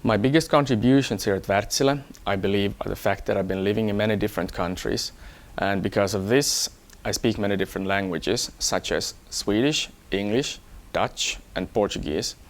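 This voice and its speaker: An electronics engineer from Hong Kong speaks about himself for an employee profile. His voice sits on the low side, and he explains things in a measured way.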